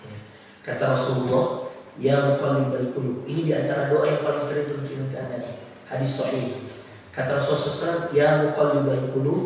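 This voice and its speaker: A man with a delivering a morning sermon in a mosque, switching from loud exclamations to hushed asides. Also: a little high, distant mic. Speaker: preacher. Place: large mosque hall. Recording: echoey hall, voice from afar, faint noise.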